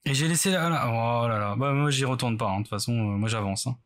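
A man's voice: mid-range voice, fast, a bit bright. A man doing casual let's play commentary as a horror game streamer, rambling nervously and self-mockingly as he talks to himself. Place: bedroom at home, indoors.

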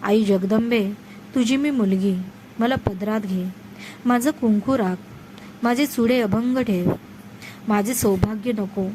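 A woman's voice: on the high side, slow, pauses often, background noise. A woman reading the lines of a devoted wife imploring God to save her husband. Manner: imploring prayer.

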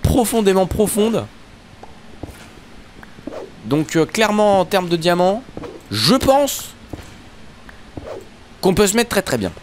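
A man's voice: high-pitched, very animated, takes it slowly, long pauses, slight background noise. A man giving casual, jokey commentary over Minecraft play, talking straight to his viewers. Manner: yelps when startled. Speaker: Minecraft YouTuber.

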